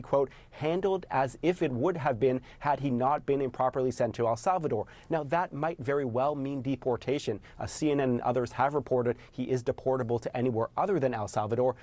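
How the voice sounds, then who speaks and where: A man's voice: medium pitch, darkish tone. Methodical male news fact-checker. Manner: brisk, methodical, enumerating points. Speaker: senior reporter, fact-checker.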